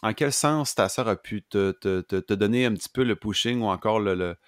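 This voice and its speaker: Québécois guy hosting a podcast, lowish voice, dry sound, keeps restarting his questions. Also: no echo. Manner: halting, repeats words while forming questions. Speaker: podcast host. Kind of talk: casual interview chat.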